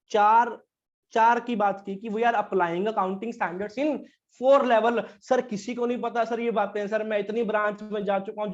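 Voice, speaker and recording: A man speaking at a professional webinar, giving an informal, lively lecture and keeping the audience engaged with questions. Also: sits high. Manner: lively, chatty, keeps asking the audience questions. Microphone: online meeting mic. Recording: dull, lo-fi sound.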